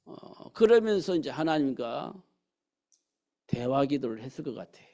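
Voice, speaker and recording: A man's voice: medium pitch, sing-song, normal speed, dark tone. A man preaching a sermon in a church, often asking the congregation rhetorical questions. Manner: preaches with rhetorical questions and acted quotes of God's words. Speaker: pastor. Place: church sanctuary.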